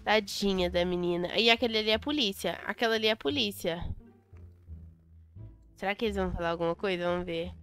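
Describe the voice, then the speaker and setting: A young adult Brazilian woman commentating a Roblox game, chatty and excitable, repeating words in bursts. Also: medium pitch, quick pace, long pauses, smooth. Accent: Brazilian Portuguese. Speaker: Roblox gameplay host. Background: faint music.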